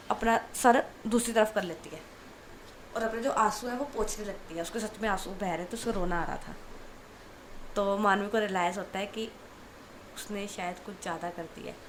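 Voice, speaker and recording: A woman's voice: medium pitch, a little hiss or hum, rough recording. A woman hosting a channel, narrating a love story in a chatty, casual way with English words mixed in.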